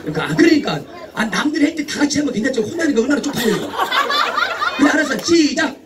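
High-voiced man joking with a crowd. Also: big pitch swings, quick pace, heavy background noise. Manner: teasing, coaxing the audience to chant along. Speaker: stage comedian and entertainer. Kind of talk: bawdy stage banter with the crowd. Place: outdoor stage before a live crowd. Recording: distant outdoor mic with loud crowd.

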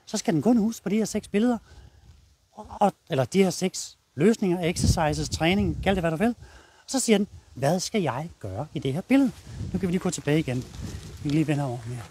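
A man's voice: high voice, expressive, darkish tone, slight background noise. A man with a Danish accent, a dog trainer explaining his method in a blunt, casual way while walking a dog outdoors.

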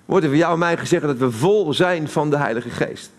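This is a man's fairly high-pitched voice moving at a fairly quick pace. A Dutch-accented preacher, he delivers a live sermon in a church hall in a conversational manner, directing questions at the congregation.

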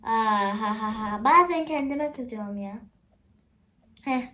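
Speaking slowly in a slightly high, sharp voice, a female channel host plays a game and talks excitedly to her viewers, full of exclamations. Faint background noise and clicks can be heard.

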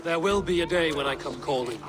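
Resolute Viking clan leader, played by a man, slightly raised pitch, video game drama, musical score. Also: fairly quick, over music, lightly acted.

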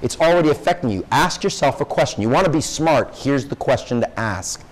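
A young man, a professor, giving a conversational classroom lecture to high school students and peppering them with questions. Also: lively intonation, fairly quick, a little hiss or hum, rough recording. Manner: conversational, asks the audience lots of questions. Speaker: guest speaker, professor.

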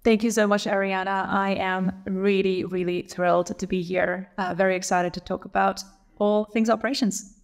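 A woman's voice: mid-range voice, level tone, moderate pace. A woman in her thirties from Lithuania, a guest on a podcast, telling her story in a thoughtful, reflective way over a video call. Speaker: guest, operations leader. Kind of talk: casual interview chat. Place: small room at home. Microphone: video call with earbuds.

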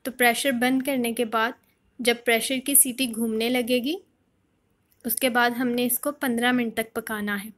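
Higher-voiced woman explaining a recipe. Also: moderate pace. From Pakistan. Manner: calm step-by-step instruction. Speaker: cooking channel host. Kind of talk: cooking tutorial voice-over.

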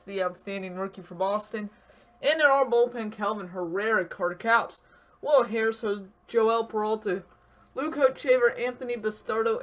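A man hosting a gaming channel, giving casual, rambling pack-opening commentary with lots of fillers. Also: high voice. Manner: relaxed, rambling, frequent fillers.

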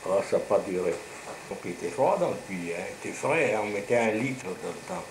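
An elderly man in his 70s or older, speaking in a fairly low, expressive voice at a slightly quick clip, rambles through casual, colloquial stories about his past in a grandfatherly way. He's in his living room, picked up by a camcorder mic across the table, and the home recording sounds roomy and noisy.

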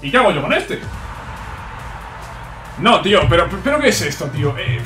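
A young man, excitably commentating his own gameplay and talking to viewers. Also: sits high, moderate pace, over music. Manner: excitable, talks to viewers, frequent "tío". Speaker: gaming youtuber.

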